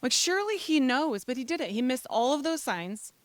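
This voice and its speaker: A middle-aged woman speaking at church, telling a personal story in a relaxed, conversational way with quick asides and laughter. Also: high-pitched, dry recording.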